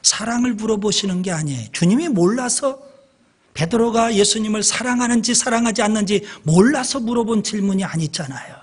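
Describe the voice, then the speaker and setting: In a church, a male pastor preaches a sermon in a high, husky voice. He speaks slowly and deliberately, pausing for emphasis and speaking directly to the congregation.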